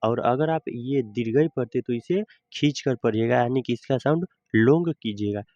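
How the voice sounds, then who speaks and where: A man teaching a reading lesson, slowly explaining each word and answering his own questions. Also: medium pitch, warm tone, no room sound, lo-fi sound.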